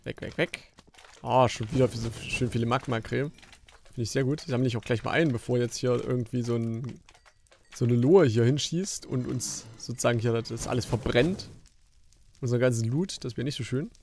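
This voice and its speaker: A man giving casual gameplay commentary as a Let's Play host, chatty and grumbling, with jumpy bursts of excitement during fights. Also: medium pitch, normal speed, a little hiss or hum. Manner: chatty, grumbling and joking at the game.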